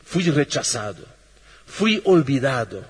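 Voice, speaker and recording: A man preaching a sermon slowly, with long pauses, sinking low and soft and then lifting his voice. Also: very animated, husky. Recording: long reverb of a hall.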